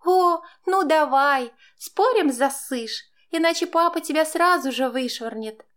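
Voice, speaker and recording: A woman reading an audiobook puts on a bratty teenage girl with a high, sneering voice. She taunts with a cold, mocking bite and sounds pleased with her own spite. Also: steady tone, fast talker, a little mellow.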